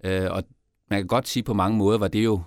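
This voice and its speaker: Middle-aged man, Copenhagen Danish accent, low voice, dry close sound, halting. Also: fairly even intonation, darkish tone, no echo. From Denmark. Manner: hesitant, many restarts and fillers. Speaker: mayoral candidate guest. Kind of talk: podcast interview.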